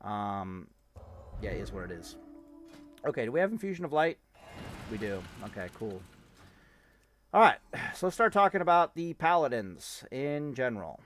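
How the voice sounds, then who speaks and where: A man's voice: mid-range voice, sing-song, moderate pace, pauses often, a bit bright, soft background music. A man giving casual, rambling commentary on a game, cursing and interrupting himself as he tests things. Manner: rambling, profane, self-interrupting. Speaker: gaming streamer.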